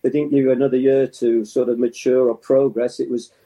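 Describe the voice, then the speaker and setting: An older man from England, a former footballer being interviewed, reminiscing in a halting way with many restarts and chuckles. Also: mid-range voice, little pitch movement, mellow, low-quality recording.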